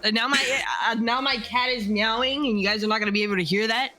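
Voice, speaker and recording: A woman with a bright, forceful voice speaks a little high, heard over a group voice chat with push-to-talk. She talks bluntly in a loose, casual way and swears freely. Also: quick pace, faint music behind. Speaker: VTuber streamer.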